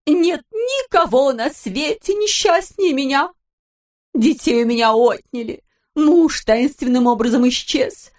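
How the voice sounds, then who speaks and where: A woman reading aloud, voicing a melodramatic stage countess who wails slowly and theatrically. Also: sits high, voice pushed up. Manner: slow, drawn-out theatrical wailing.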